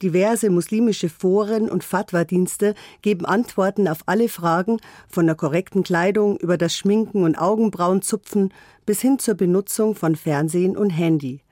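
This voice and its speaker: A woman narrating a scripted radio report in an even, formal manner. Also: fairly low pitch, moderate pace, dry recording, studio quality.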